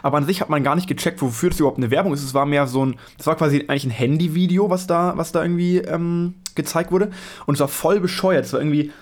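A man's voice: on the high side, fast, a little mellow. A young man, chatting casually as a podcast co-host and rambling with many restarts.

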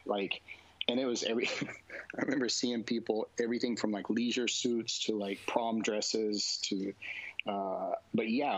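A man talking casually in a relaxed conversation, rambling with lots of fillers and frequent laughs. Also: on the low side, dry recording. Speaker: jiu-jitsu instructor guest. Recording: dull, dry lo-fi sound.

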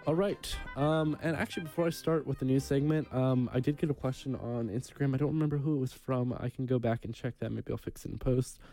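A young man co-hosting a casual podcast, talking in a relaxed way with many ums and reading news items aloud. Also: medium pitch, fast talker, few pauses, faint music behind. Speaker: podcast co-host.

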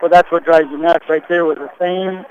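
Coach doing color on local radio, quick folksy talk, slightly raised voice, muffled lo-fi sound. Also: male voice, on the high side, fairly even intonation, noisy background. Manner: chatty, folksy, analytical. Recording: dull lo-fi radio broadcast.

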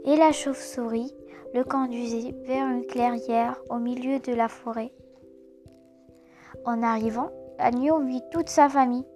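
A storyteller gently reading a children's story aloud, over background music. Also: mid-range voice, fairly even intonation, measured pace. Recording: music bed behind voice.

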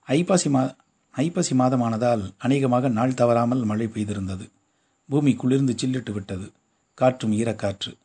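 A man narrating a short story in a steady storytelling manner. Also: medium pitch, husky.

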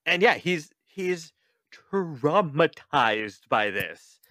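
A man hosting a podcast, casually recapping a book in an animated, joking way, cursing freely and acting out quoted lines. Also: fairly high pitch, drawn-out words, no room sound, studio quality. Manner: animated, profane, joking, with exaggerated quoted voices. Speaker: podcast host.

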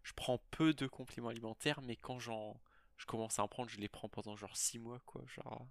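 A man's voice: mid-range voice, fairly even intonation, normal speed, vocal fry, dry recording. A young man from Britain co-hosting a podcast, chatting in a colloquial, offhand and slightly skeptical way. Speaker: podcast co-host. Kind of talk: casual chat.

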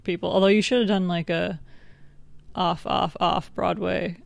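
A woman's voice: on the low side, steady tone, unhurried, gravelly. A woman co-hosting a podcast, rambling and playful in casual chat. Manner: rambling, playful, laughs easily. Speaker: podcast co-host.

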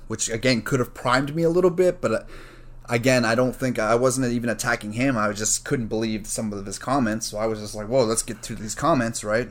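A man, a college student, telling a story in a casual, rambling, profane way, full of "like" and "you know". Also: medium pitch. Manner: rambling, profane, self-correcting; frequent fillers like "like" and "you know".

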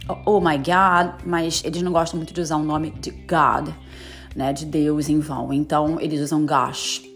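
A woman hosts a casual podcast lesson, chatting along and tossing in tag questions and English examples. Her voice sits somewhat low for a woman. Faint music plays behind her. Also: fairly even intonation, normal speed. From Brazil. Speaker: podcast host teaching English slang. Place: lives in the United States.

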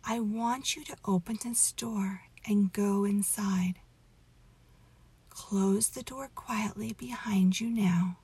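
A woman softly leading a guided meditation story in a hushed, soothing half-whisper, intimate as if right by your ear. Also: mid-range voice, dry recording. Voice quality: soft, breathy, half-whispered. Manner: gentle, drawn-out delivery.

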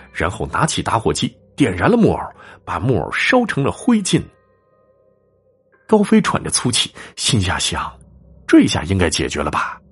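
A man narrating a ghost story theatrically, swinging from hushed to alarmed. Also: medium pitch, breathy edge.

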